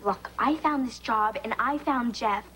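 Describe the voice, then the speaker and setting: Wry teenage girl, high voice. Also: a little slow, a bit bright. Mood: sharp. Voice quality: sarcastic, wry. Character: earnest teenage girl, quick sarcastic wit. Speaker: teenage girl working at a fast-food restaurant. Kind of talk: 1990s sitcom acting. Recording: noisy TV sitcom recording, live audience.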